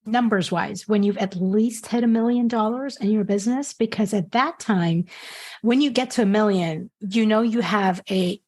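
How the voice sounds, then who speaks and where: A woman guest in an interview, giving measured, explanatory business advice. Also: medium pitch, a little mellow. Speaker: marketing strategist guest. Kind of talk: interview answers.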